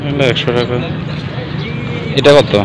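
Out at beachside roadside stalls, a man with a Bangladeshi accent films on a handheld camera while casually chatting and bargaining as a customer for his travel vlog. His medium-pitched voice stays level at a moderate pace, competing with heavy traffic and street noise.

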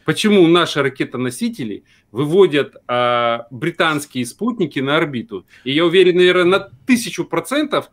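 High-voiced argumentative man from Crimea. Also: expressive, fairly quick, hardly any pauses. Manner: argumentative, laughs often, rants about news. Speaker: guest on a stream. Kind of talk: casual chat.

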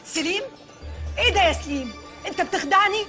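An actress playing a haughty, accusing pasha's wife in a TV comedy sketch. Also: female voice, very high-pitched, fast talker, music in the background. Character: haughty pasha's wife, a self-styled princess.

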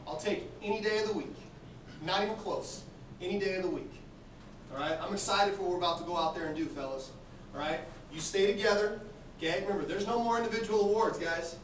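High-pitched male coach in an echoey room. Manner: exhorting, short phrases punctuated with check-in questions. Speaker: basketball coach. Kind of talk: pre-game team talk. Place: small team locker room. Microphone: camera across the room. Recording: roomy, distant camera mic, faint noise.

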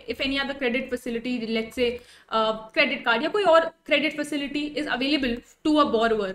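Young female exam tutor, Indian accent, high bright voice, repeats key points while explaining. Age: young adult. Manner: repeats key phrases for emphasis. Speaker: exam-prep teacher. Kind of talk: explanatory online lesson, mixing English and Hindi.

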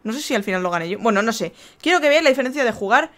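A woman with a Spain accent commentating on gameplay casually as a raging, excitable gamer who exclaims, complains and swears in slang. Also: a little high, very fast. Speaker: gaming video host.

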